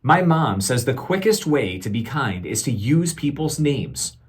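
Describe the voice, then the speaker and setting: A man with a slightly rough, medium-pitched voice reads a picture book to young listeners as a teacher would, expressively and with care, pausing to pose questions to them.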